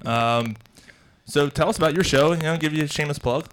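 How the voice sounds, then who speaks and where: A man's voice: on the high side, brisk, slight background noise, rough recording. Crude joking man hosting a bar podcast. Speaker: podcast host. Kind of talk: casual bar podcast banter. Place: brewery bar.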